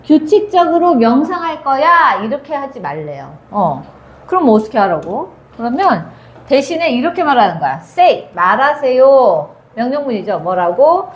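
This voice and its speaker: A woman teaching English grammar to high school students, asking questions and answering them herself, and reading English phrases out slowly. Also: highs cut off. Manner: asks and answers her own questions. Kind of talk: grammar lecture. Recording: echoey room with faint noise.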